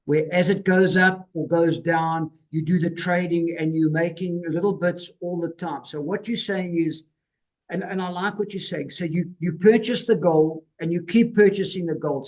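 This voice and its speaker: A man's voice: sits high, darkish tone. A man hosting an interview, recapping what his guest says and checking he has understood it. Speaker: interview host. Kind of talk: casual interview.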